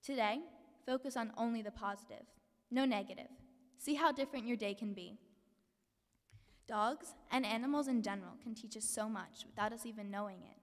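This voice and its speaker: A woman's voice: on the high side, brisk. A teenage girl, a middle-school student, giving an earnest prepared speech at a podium in a school hall, reading from notes with small slips. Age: teens. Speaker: student speaker. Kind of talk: prepared speech read aloud. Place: large school hall with an audience. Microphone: podium mic, filmed from the back of the hall. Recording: long hall reverb, distant camera.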